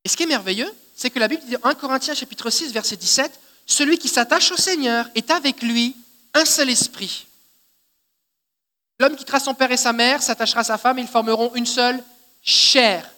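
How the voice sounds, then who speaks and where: High, bright-voiced Québécois pastor preaching. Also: male voice, moderate pace. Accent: Québécois French. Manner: conversational teaching, often checking in with "d'accord?". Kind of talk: sermon. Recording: long hall reverb.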